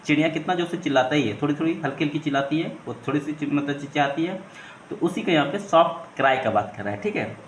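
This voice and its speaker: A man's voice: a little high, animated, quick pace. Man teaching English with a roomy echo. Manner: repeats 'ठीक है' often, asks questions and answers them himself. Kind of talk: explaining an English story line by line in Hindi. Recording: roomy echo, faint ambient noise.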